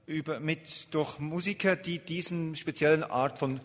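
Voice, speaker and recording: A man's voice: fairly high pitch, fairly even intonation, measured pace, fairly bright tone. A man interpreting a lecture live, hesitant and full of filler sounds as he searches for words. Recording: long hall reverb.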